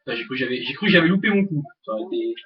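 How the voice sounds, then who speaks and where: A man's voice: mid-range voice, expressive, very fast, noisy background. A young man hosting a let's play, rambling with many hesitations and swearing at the game. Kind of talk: casual gameplay commentary. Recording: dull lo-fi mic with game music.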